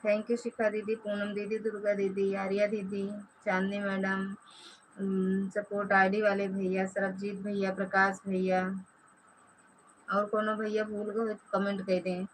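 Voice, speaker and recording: A woman's voice: medium pitch, completely flat delivery, unhurried, a little hiss or hum, poor audio. A woman from Pratapgarh with an Awadhi-tinged Hindi accent, hosting a casual live stream from home and greeting viewers one by one by name. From Pratapgarh, Uttar Pradesh, India. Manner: chatty, greets viewers by name, stretches out words.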